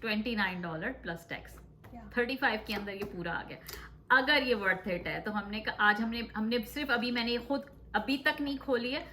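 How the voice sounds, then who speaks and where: A woman's voice: fairly high pitch, moderate pace, pushed and bright, a little hiss or hum. Middle-aged woman vlogger, homey chatty craft tutorial, talks viewers through each step. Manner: chatty, explains step by step, keeps saying "okay". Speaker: vlog host. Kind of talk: casual craft vlog tutorial.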